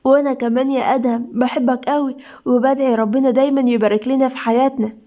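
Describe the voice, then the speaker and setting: A woman's voice: high-pitched, steady tone, fast talker, warm tone, lightly acted. Woman doing a sweet Egyptian young wife. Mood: happy. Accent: Egyptian Arabic. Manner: delighted, sweet. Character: young wife, happy and devout.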